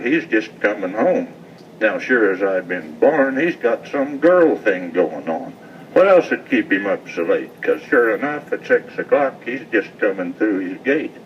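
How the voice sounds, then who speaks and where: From some way off the mic, with slightly dull sound, comes a man reciting cowboy poetry at a live event. His voice sits fairly low. He speaks in a folksy cowboy drawl with a rural accent of the American West. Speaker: cowboy poet, rancher. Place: festival stage, live event. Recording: distant mic, muffled, noisy event sound.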